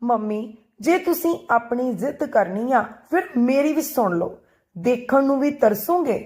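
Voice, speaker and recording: Woman doing a young bride-to-be, tearful and sharp-tongued, slightly high voice, storybook reading. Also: expressive, unhurried. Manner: tearful, sharp-tongued teasing with her friend. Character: young woman upset about her arranged match.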